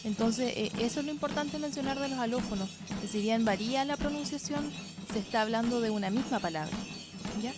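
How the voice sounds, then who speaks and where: Woman explaining over loud music. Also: fairly high pitch, brisk. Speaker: radio co-host. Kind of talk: explanatory radio lesson.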